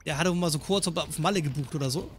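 A man hosting a gaming channel, giving let's play commentary in an animated, joking way and scolding the game's enemies. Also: a little high, fast, a little hiss or hum.

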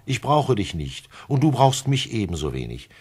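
A man voicing a wise, gentle male fox with a husky voice, speaking in a lively, heartfelt way in a classic radio play. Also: fairly low pitch, normal speed, pitched above the performer's own voice. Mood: earnest, coaxing. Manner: lively, pleading, heartfelt delivery.

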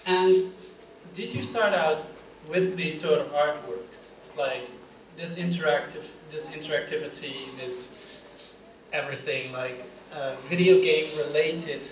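A man's voice: fairly high pitch, unhurried. Young guy hosting a talk, rambly and casual, a bit far from the mic, noisy roomy space. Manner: casual, filler-heavy. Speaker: host. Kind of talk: hosting an interview. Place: room with a table, audience. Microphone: table mic on stand.

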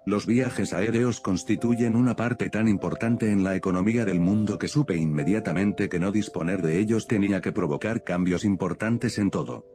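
A man calmly narrating a science fiction audiobook in the first person. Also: lowish voice, moderate pace, hardly any pauses. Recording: background music under the narration.

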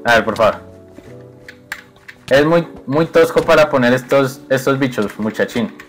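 A young man giving excited, playful commentary over his own gameplay, teasing his opponent and laughing often. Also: mid-range voice, unhurried, soft background music. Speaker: gaming video creator.

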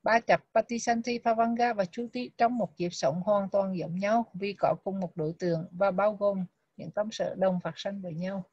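A woman teaching a Buddhist text lesson, reading English terms and drilling their pronunciation slowly and deliberately. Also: mid-range voice, steady tone, a little mellow, slightly rough, no room sound. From Vietnam. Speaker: Abhidhamma teacher. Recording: dull lo-fi, dry sound.

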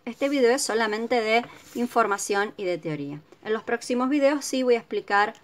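A woman's voice: on the high side, animated, moderate pace. Patient woman teaching a lesson. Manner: patient, explanatory, keeps checking with "¿sí?". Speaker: English teacher. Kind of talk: recorded video lesson.

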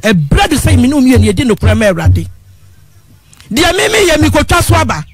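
A woman phones a radio talk show with an impassioned complaint, pleading and insisting as she repeatedly calls the host "father." Her voice sits high, very animated and fast, slightly rough. The sound is dry with faint music in the background.

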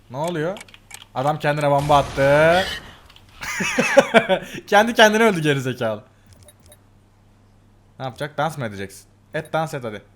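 A man commenting casually on funny game clips as the channel host. He laughs often, exclaims and repeats himself. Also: mid-range voice. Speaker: gaming video host.

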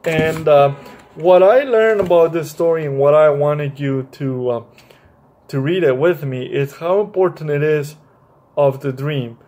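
A young man with a fairly high, slightly mellow voice reads a picture book aloud to children at a measured pace, chatting about it informally. He often stumbles and repeats words. The setting is a small, bright indoor room.

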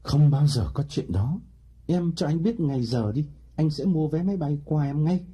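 A man voicing a smooth-talking male lover in an audiobook, eager and pleading. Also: medium pitch, sing-song, normal speed, warm tone.

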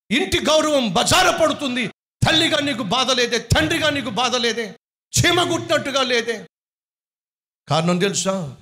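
A man preaching a sermon in a Telugu accent, firing rhetorical questions and rising to shouts before closing in prayer. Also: very high-pitched. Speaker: pastor.

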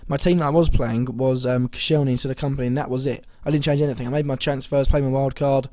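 A young man with a slightly hoarse voice that is still recovering, talking through his fantasy football week in a rambling way, full of ums and self-corrections. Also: medium pitch, steady tone, fast talker, mellow, dry recording. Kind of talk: casual video commentary.

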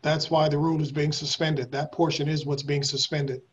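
A man's voice: a little high, little pitch movement, normal speed, slight background noise. A man advising a board meeting on procedure over a video call, matter-of-fact. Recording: muffled video call audio.

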